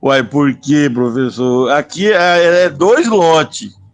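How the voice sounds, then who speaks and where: A man's voice: on the high side, slow pace, no echo. A man, a student in class, casually telling a personal story with quoted dialogue.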